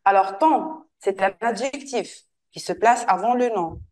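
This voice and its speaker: A woman teacher leads a French lesson. She speaks patiently at a mid pitch, repeating and slowly modeling words so the pupil can follow. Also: darkish tone.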